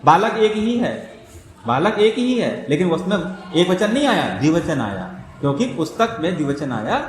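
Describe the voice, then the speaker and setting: A man's voice: fairly high pitch, very animated, moderate pace. A man teaching a Sanskrit grammar class, explaining step by step and often checking that students follow. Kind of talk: classroom lecture. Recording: echoey room with long reverb.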